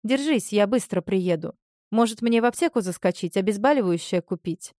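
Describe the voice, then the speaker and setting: A woman's voice: mid-range voice, lively intonation, moderate pace, no room sound, clean studio sound, lightly acted. A woman reading a caring, obliging young man. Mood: reassuring. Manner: gentle, reassuring.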